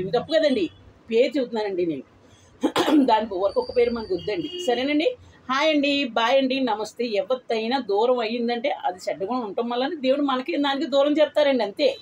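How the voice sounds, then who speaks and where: A woman's voice: fairly high pitch, darkish tone, slight background noise, poor audio. A woman in her eighties chatting bluntly and at length to her viewers in a casual vlog. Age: 80s. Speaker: vlogger. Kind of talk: casual chat to camera.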